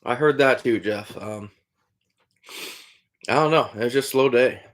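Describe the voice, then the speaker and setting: At a medium pitch and an unhurried pace, an Iowa trapper chats casually with viewers on his live stream. He keeps it laid-back, calling people in chat "buddy" and fading out with "I don't know".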